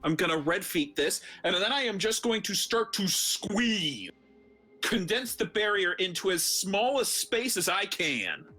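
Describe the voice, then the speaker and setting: A man's voice: high-pitched, sing-song, a little slow, bright, forceful tone. A man chatting casually as a player in a tabletop role-playing game. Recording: background music under the voice.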